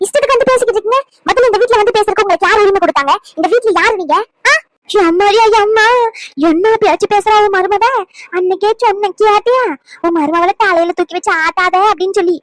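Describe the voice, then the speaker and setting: A meddling neighbour pries into a family fight, scolding and firing off sharp questions, as a woman acts her out. Her voice sits very high, and the recording is dry with no room sound. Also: dry recording, poor audio. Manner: scolding, prying, rapid questions.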